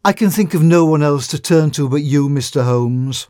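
A man's voice: fairly high pitch, a little fast, a little mellow, dry recording, clean studio sound, voice pushed up, natural voice. A man reading a story, voicing a frightened young woman who pleads urgently for help. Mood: whispering. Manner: urgent, trembling pleas.

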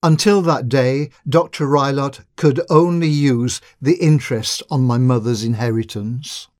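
A man's voice: mid-range voice, unhurried, a little mellow, no echo, clean studio sound, lightly acted. A man reading a story, voicing a frightened young woman who pleads urgently for help. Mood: distressed. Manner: urgent, trembling pleas.

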